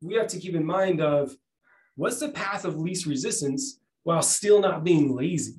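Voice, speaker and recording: A rambling male co-host talks diet in loose, casual asides. His voice sits a bit high, and the room around him is echoey. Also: expressive, moderate pace, a little mellow. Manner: rambling, loose, with many "you know what I'm saying" asides. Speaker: podcast co-host. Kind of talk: casual podcast chat. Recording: roomy echo.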